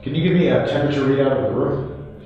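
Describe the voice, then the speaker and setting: A man's voice: mid-range voice, fast talker, mellow, highs cut off, a little hiss or hum, close to an everyday voice. A man playing a businesslike paranormal investigator who reads meters, in found-footage horror film style. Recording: very echoey hall, music behind.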